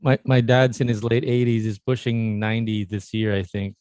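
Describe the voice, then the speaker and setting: A man's voice: medium pitch, steady tone, normal speed, a little mellow, clear, resonant tone, no room sound. A middle-aged Filipino-American man hosting a casual podcast chat, wondering aloud and restarting his sentences. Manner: wondering, restarts sentences, mimics others in quotes. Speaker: podcast host.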